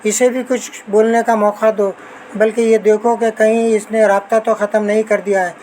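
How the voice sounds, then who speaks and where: A woman's voice: medium pitch, little pitch movement, darkish tone, slight background noise, close to an everyday voice, rough recording. A woman reading an audiobook novel, voicing a weary, henpecked middle-aged husband who mutters under his breath. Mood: exasperated.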